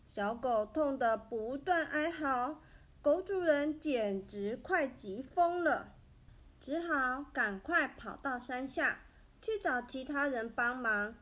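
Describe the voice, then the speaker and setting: A woman narrating a children's story in a gentle, expressive way. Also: sits high, takes it slowly.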